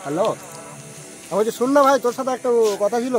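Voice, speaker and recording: A man hosts in a casual, chatty way and presses with questions. His voice is high and he talks very quickly. Music runs underneath. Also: expressive, poor audio. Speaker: host making prank calls to friends. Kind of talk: casual chat.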